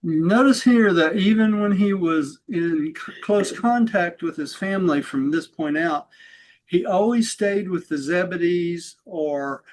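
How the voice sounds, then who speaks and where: A man's voice: sits high, measured pace. A man leading a study-group class, talking casually and rambling as he explains a reading, with fillers and self-corrections and his distance from the mic shifting. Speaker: host and teacher. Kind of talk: conversational study-group teaching.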